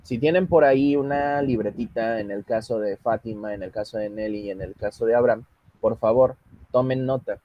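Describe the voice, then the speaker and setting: A man's voice: mid-range voice, normal speed, no echo, highs cut off. Patient man teaching English. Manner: explains patiently, switches between Spanish and English. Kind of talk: online class instruction.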